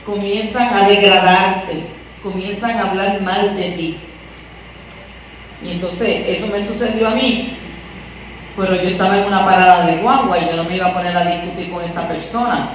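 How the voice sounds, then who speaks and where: Delivering a sermon in a conversational style, a woman from Puerto Rico asks her audience rhetorical questions, her Puerto Rican accent clear. She speaks in a steady, mid-range voice at a moderate pace. The recording is distant and echoey, with faint noise.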